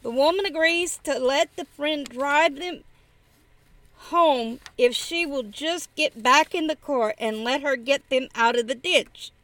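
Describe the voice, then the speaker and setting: Slow, bright-voiced woman giving a church message. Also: sits high. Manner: chuckles often while telling the story. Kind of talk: storytelling sermon.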